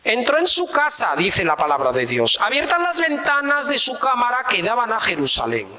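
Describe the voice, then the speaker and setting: A man's voice: extremely high pitch, wildly swooping pitch, normal speed, pushed and bright. A middle-aged man, preaching a sermon as pastor and repeating key phrases for emphasis.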